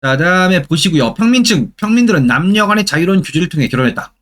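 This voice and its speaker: A man's voice: high voice, expressive, quick pace, fairly bright tone. A middle-aged man lecturing for exam preparation, constantly asking rhetorical questions and repeating key terms for emphasis. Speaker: history lecturer.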